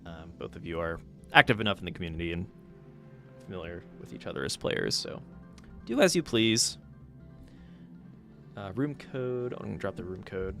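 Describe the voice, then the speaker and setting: A man's voice: deep voice, normal speed, gravelly, long pauses, soft background music. Chatty man casting game matches. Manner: relaxed, chatty, thinks aloud with fillers. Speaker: stream host and match caster. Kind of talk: casual live game commentary.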